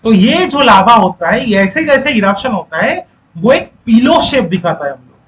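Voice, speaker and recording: Male teacher, lecture, very high-pitched, repeats points, quizzes students, urges class to talk. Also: big pitch swings, normal speed, a bit bright, slight background noise, poor audio. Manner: coaxing students to speak up.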